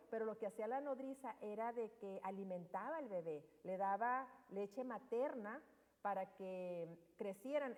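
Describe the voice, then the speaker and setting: A woman's voice: medium pitch, a little mellow. Woman leading a Bible study. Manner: storytelling, asks listeners questions. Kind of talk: conversational Bible teaching. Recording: long reverb hall.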